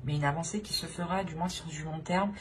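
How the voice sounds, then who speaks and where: Talking a little fast in a low voice, a tarot reader improvises a reading aimed straight at the listener, her phrasing hesitant and repetitive. Background noise is clearly audible.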